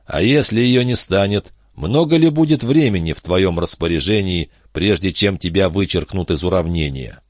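A man's voice: sits low, animated, normal speed, few pauses, no room sound, studio quality. A man voicing the sardonic inner voice of a bitter, worn-out man tearing himself down in a storybook reading. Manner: sardonic, self-lacerating inner voice.

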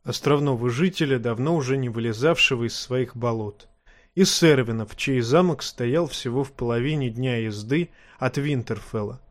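Male audiobook narrator, steady even delivery, mid pitch, dry booth sound. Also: normal speed, no room sound. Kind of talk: scripted narration.

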